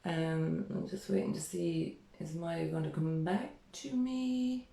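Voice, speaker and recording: Host, middle-aged woman, unhurried chatty delivery, filler-heavy, roomy webcam sound. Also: lowish voice, creaky, mellow. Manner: chatty, many fillers and restarts. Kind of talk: casual live-stream interview. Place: small room indoors.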